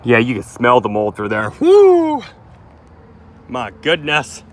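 Slow and mid-range, his voice swoops wildly in pitch as he narrates a handheld phone vlog outdoors around an abandoned restaurant and its parking lot. He's an explorer of abandoned places, speaking casually and directly to viewers with plenty of exclamations.

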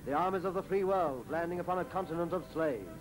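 A man reading scripted commentary for an old wartime newsreel in a brisk, wry announcer manner. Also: on the high side, rough recording. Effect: old wartime newsreel narration. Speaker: newsreel narrator. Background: music under the narration.

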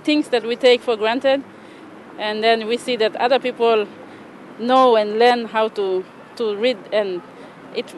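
A middle-aged woman from Papua New Guinea with a Papua New Guinean accent, a church program coordinator giving measured, earnest interview answers outdoors. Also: a little high, slight background noise. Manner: measured, earnest, with pauses and restarts. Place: outdoors by a stone wall in a city.

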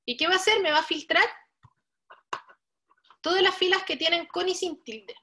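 Running a live online coding workshop, this woman from Chile talks straight to her learners and patiently guides them through each step. Her extremely high voice sounds pushed and bright, holding a steady tone at normal speed.

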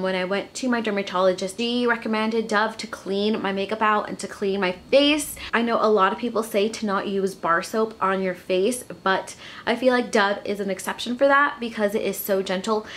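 A young woman sits at home talking to her camera, chatty and earnest, filling pauses with frequent ums. Her voice sits at an ordinary middle pitch for a woman. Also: a bit bright, a little hiss or hum. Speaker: beauty vlogger. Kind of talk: casual talk to camera.

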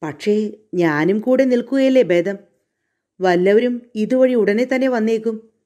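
A woman's voice: a little high, unhurried, mellow, pitched above the performer's own voice, close to an everyday voice. A woman doing an apologetic male coachman. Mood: worried. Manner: deferential, defensive.

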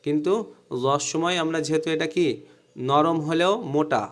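A man's voice: on the high side, steady tone, moderate pace. A man teaching Quranic letter pronunciation in a recorded class, drilling each sound by repeating it and explaining where the tongue goes.

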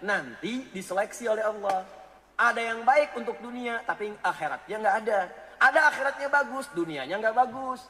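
High-voiced joking male preacher, reverberant hall. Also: moderate pace. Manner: joking, animated storyteller addressing listeners directly. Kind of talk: radio sermon with anecdotes.

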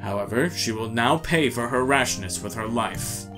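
A man's voice: medium pitch, lively intonation, moderate pace, close to an everyday voice. A man voicing a stern, impatient prosecutor from a video game in a clipped, formal manner. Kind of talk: voiced read-through of a courtroom video game. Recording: prominent game music behind.

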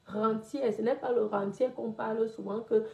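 A woman delivers a confrontational rant straight to camera. Her voice sits a bit high yet sounds mellow and warm. The room around her rings with a noticeable echo. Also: fairly even intonation, normal speed, gravelly. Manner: confrontational, scolding someone directly. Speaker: property investor. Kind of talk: direct-address social media rant. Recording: roomy echo.

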